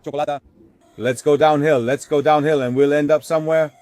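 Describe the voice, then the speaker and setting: A man's voice: a little high, steady tone, fairly quick, a little mellow, clean tone, no echo. A man chatting casually through a travel vlog, walking city streets and later driving, filmed on a handheld phone. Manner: chatty, narrating while walking and eating. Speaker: travel vlogger.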